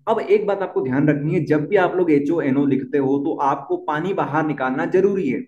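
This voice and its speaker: Teacher, male, young adult, fairly high voice, repeats steps for the class, dull echoey room. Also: normal speed, darkish tone. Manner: repeats key points, asks questions to the class. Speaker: chemistry teacher. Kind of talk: board-exam lesson at a whiteboard.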